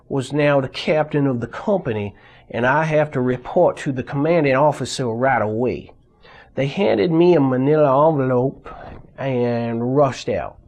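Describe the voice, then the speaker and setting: A man interviewed in a mock documentary, telling his war story in an earnest, halting way. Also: mid-range voice.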